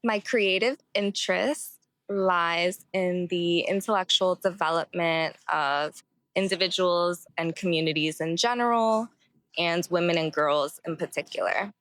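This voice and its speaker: A woman from Massachusetts answering an interview in an articulate, formal, measured way. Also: fairly low pitch, a bit bright, no echo.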